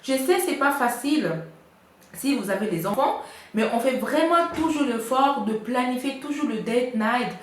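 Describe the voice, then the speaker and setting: A woman's voice: high-pitched, moderate pace. A woman giving couple advice in a casual vlog, chatty and full of hesitations. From Congo. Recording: echoey room, faint noise.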